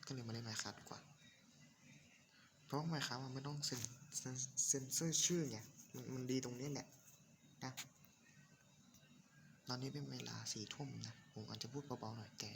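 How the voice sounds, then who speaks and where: Give me a man with a blocked nose casually joking to viewers while playing, with a steady hiss behind him. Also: mid-range voice, normal speed, pauses often. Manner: rambling, joking, swears, talks to viewers. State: stuffy nose. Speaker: gaming YouTuber. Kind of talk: casual Minecraft let's play commentary. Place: home room at night. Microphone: desk mic.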